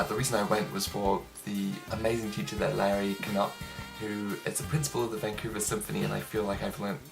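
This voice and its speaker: A young man, a trumpet player casually answering interview questions in a relaxed, chatty way with frequent ums. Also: lowish voice, creaky. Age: young adult.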